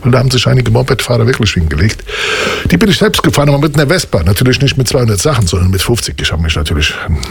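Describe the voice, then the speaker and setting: A man hosting a casual radio interview, talkative and quick to laugh. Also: mid-range voice, creaky, breathy edge. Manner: lively, talkative, laughs often. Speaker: radio host.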